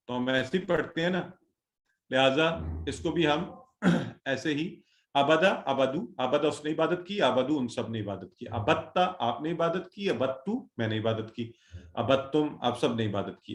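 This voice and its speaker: A man's voice: on the high side, reverberant. A male teacher leading an online class, patiently drilling word forms and calling on students one by one. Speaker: Quran Arabic teacher.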